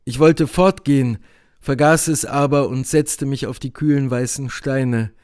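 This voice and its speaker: A man reading a literary story aloud in slow, measured, somber narration. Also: medium pitch, steady tone, a little mellow, smooth. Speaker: audiobook reader.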